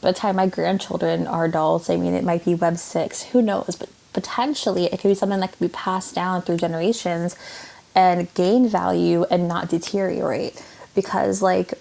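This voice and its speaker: A woman's voice: lowish voice, steady tone, normal speed, gravelly, warm tone. A woman artist chatting casually as an interview guest, rambling with many fillers.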